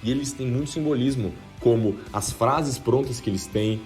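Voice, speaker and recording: A man's voice: medium pitch, normal speed, a little mellow, soft background music. Brazilian man narrating an explainer video. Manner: shifts tone to demonstrate speaking styles.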